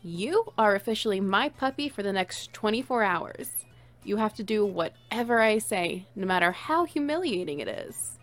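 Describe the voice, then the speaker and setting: A woman's voice: mid-range voice, expressive, moderate pace, fairly bright tone, soft background music, lightly acted. A woman playing a playful, teasing, bossy friend in an intimate one-sided audio role-play, coaxing and doting on the listener. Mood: teasing, smug. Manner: teasing, coaxing, cooing praise.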